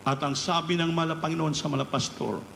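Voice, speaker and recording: A man preaching a storytelling sermon during a live church service, telling the story with animated rises at its high points. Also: brisk, vocal fry. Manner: animated storytelling, rising pitch at climaxes. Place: church hall. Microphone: live webcast of service. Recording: echoey church hall, faint noise.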